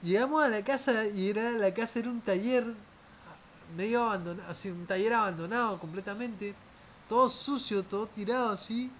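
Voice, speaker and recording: A man's voice: high-pitched, brisk, fairly bright tone, a little hiss or hum, poor audio. A man tells travel stories casually, rambling, often restarting words and trailing off. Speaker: traveler telling a story.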